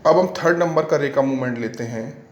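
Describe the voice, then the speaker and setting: A man's voice: mid-range voice, muffled recording. Male teacher dictating notes, echoey room. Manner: dictates slowly word by word, repeats lines. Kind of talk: classroom physics lesson, dictating notes. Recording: echoey room, faint background noise.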